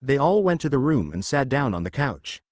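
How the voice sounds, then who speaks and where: A man reading fan fiction aloud in a steady storytelling manner. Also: mid-range voice, normal speed, dry recording.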